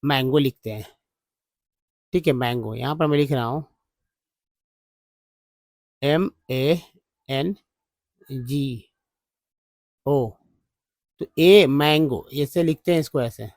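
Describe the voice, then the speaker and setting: A male tutor walks through English spelling letter by letter, sounding out each piece at an unhurried, deliberate pace. He repeats words again and again for his students. His voice sits at an ordinary pitch and sounds close and dry. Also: a little mellow, no echo. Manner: slow, repeats each sound many times. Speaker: English teacher. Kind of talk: spelling and pronunciation lesson.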